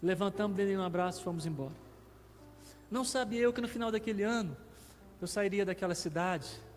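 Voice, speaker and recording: Brazilian male guest pastor, vivid testimony sermon, raised high voice, in a reverberant church hall. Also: a little fast, soft background music. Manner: vivid storyteller, acts out dialogue. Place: church sanctuary.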